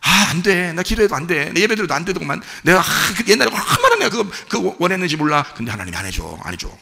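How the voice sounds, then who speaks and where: A man's voice: high-pitched, big pitch swings, fast, vocal fry, sharp tone, voice pushed up, exaggerated voice. A man doing a defeated, mumbling believer. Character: despairing, self-pitying male churchgoer.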